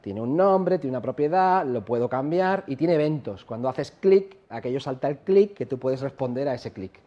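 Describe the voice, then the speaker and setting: The audio is dull, but this man's mid-range, mellow voice comes through expressive and at a normal pace. A conference speaker from La Mancha with a Castilian accent, he gives a chatty live tech talk, asking the audience questions and leaning on tag questions.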